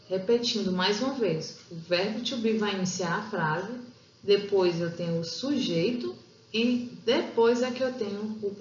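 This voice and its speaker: A Portuguese-speaking woman teaching an English grammar lesson over slides, explaining step by step and slowing down to read example sentences. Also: mid-range voice, fairly bright tone, a little hiss or hum. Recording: roomy, dull lo-fi sound.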